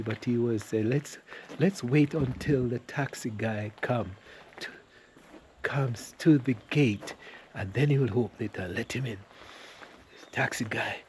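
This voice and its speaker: A man's voice: fairly high pitch, slight background noise, poor audio. Rambling man telling a travel story. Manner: rambling with restarts and animated quoted dialogue. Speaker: travel vlogger. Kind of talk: casual storytelling to camera.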